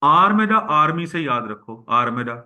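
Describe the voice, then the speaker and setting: A male teacher works through a vocabulary list, drilling each word by saying it again and again. His voice is bright and forceful, and he talks to his class as boys and girls. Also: mid-range voice, animated, measured pace. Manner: drills words by repeating them; addresses students as boys and girls. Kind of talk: recorded lecture.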